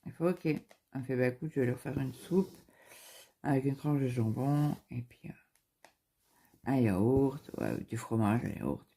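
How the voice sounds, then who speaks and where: Young female vlogger, casual storyteller who keeps quoting what people said, husky and dark-toned. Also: very deep voice, lively intonation, moderate pace, pauses often. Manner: retells events through quoted dialogue, with frequent fillers and restarts. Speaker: craft vlogger. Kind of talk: casual chat, telling a personal story.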